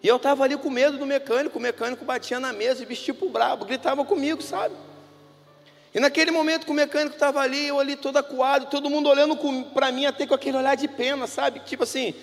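A man preaching a sermon in a church, telling stories conversationally and swinging between hushed and loud delivery. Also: very high voice, little pitch movement, quick pace, vocal fry. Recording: reverberant hall with music.

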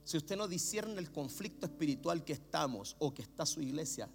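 A middle-aged man with a Chilean Spanish accent, preaching a sermon as a pastor, swinging from low murmurs to shouts. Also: expressive, normal speed, creaky, faint music behind.

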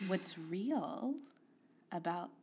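A woman co-hosting a casual chat show, calm and reflective, sometimes softening to a near-whisper. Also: on the low side, extremely slow, slight background noise. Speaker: podcast co-host.

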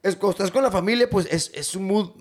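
A man's voice: high-pitched, quick pace. A man, hosting a podcast and telling crude, slangy stories full of laughter. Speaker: podcast host. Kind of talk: casual chat.

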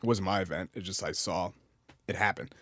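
A man's voice: low voice, fairly quick, sharp tone, no room sound, studio quality. A man hosting a casual interview, blunt and rambling, often asking "you know what I mean". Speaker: podcast host.

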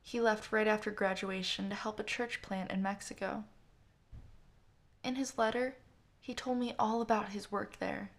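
A woman narrating a first-person story in an unhurried, soft manner for an audiobook. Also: medium pitch, steady tone.

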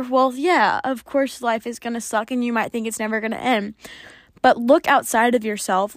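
A young woman vlogger talking candidly to her viewers in a casual way, soft and open, with many ums and small nervous laughs. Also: a little high, no echo, clean studio sound. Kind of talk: casual personal talk to camera.

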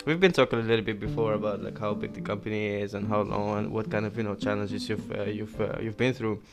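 A man's voice: fairly low pitch, fairly even intonation, fast talker, gravelly, music in the background. A man hosting a podcast, asking casual interview questions in a hesitant way with many fillers. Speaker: podcast host.

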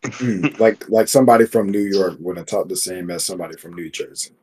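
A man's voice: deep voice, a little fast, warm tone, slightly rough. A man as a podcast guest, chatting casually in a laid-back way and often agreeing. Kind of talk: casual chat.

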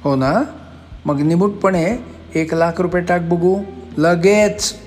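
A man's voice: high voice, slow, darkish tone, soft background music. A man voicing a desperate young woman who pleads and cries as she tells her story. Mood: demanding. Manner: pleading, emotional. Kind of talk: storytelling voice acting.

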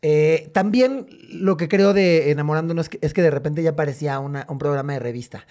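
A man's voice: fairly high pitch, fairly quick. A man with a Mexican accent, co-hosting a casual comedy podcast, telling jokey stories. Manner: joking, animated storyteller. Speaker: podcast co-host.

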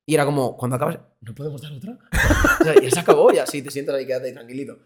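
A young man from Spain, a boxer guesting on a podcast, telling stories in an animated, casual way and acting out quoted voices. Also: medium pitch, rapid-fire, a crowd in the background. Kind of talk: casual interview chat.

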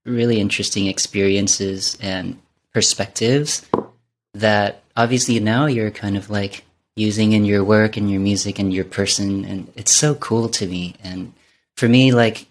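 A man's voice: on the low side, fairly even intonation, a little slow. A man from Vietnam interviewing a guest in a casual conversation, with encouraging affirmations.

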